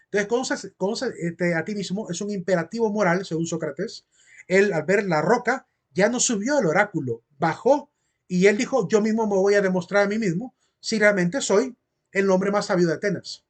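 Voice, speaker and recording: A man gives a philosophy lecture to his class in a fairly high voice. He explains at length, circles back over his points and keeps asking whether they follow. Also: moderate pace. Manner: explanatory, repeats phrases and asks "¿verdad?". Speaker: philosophy teacher.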